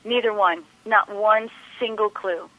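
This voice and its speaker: A woman's voice: mid-range voice, a little slow, dry recording. A woman speaking as a radio guest, earnestly recounting her experience and often restarting her words as she reflects. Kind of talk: personal account in a radio interview. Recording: dry, dull lo-fi radio audio.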